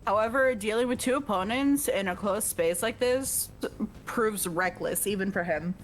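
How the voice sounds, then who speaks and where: With slight background noise, a woman's mid-range voice moves at a moderate pace as she reads a game's text aloud. She's a streamer going through a visual novel, reading evenly and breaking off for casual jokes and laughs.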